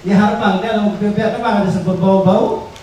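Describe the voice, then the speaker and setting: A man's voice: high-pitched, fairly even intonation, mellow, a little hiss or hum. Man teaching in an echoey hall. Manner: explains slowly with many fillers and repetitions. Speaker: workshop instructor. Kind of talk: teaching talk on traditional verse. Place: workshop room. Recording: echoey room, far from the mic.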